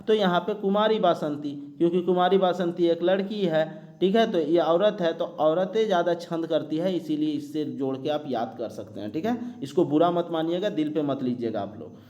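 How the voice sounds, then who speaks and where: Man, slightly higher voice, exam-prep lecture, step-by-step explanations. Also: darkish tone, dull audio. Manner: explains step by step, frequent "ठीक है" and "दोस्तों"; reads questions slowly, then answers briskly. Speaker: teacher.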